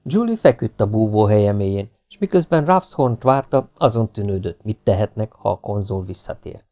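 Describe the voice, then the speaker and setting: A man reading an audiobook aloud in a steady, even storytelling manner. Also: fairly low pitch, highs cut off. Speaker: audiobook narrator.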